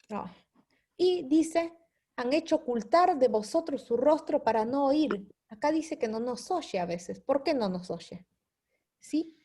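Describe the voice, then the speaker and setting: Woman, Bible teacher, patient step-by-step explaining, fairly high-pitched voice. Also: darkish tone. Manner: explains slowly, checks in with listeners with repeated "¿sí?". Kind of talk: Bible study lesson.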